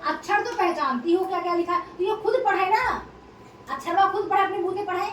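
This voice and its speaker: A woman gently but firmly coaxing a child to read, soothing and urging by turns. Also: very high voice, a little fast. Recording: echoey room, distant, noisy.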